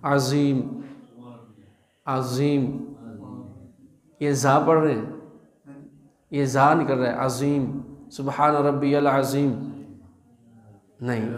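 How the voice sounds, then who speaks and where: A man preaching as a religious teacher, with a fairly high voice that rings in an echoey room. He stretches out recited words as examples and asks his listeners rhetorical questions. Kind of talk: sermon on Quran recitation.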